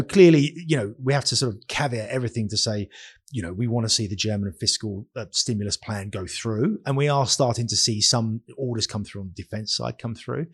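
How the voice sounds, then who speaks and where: A man with a husky voice, speaking as a guest fund manager in conversational market commentary, explaining his views with careful caveats. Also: mid-range voice.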